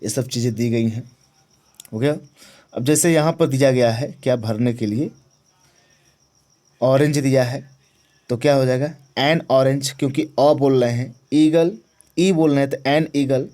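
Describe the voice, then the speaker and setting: A man with a mellow, medium-pitched voice speaks at a normal pace in a steady tone. He's giving a grammar lesson to exam students, posing questions and answering them himself, repeating key words, and checking that the class is following.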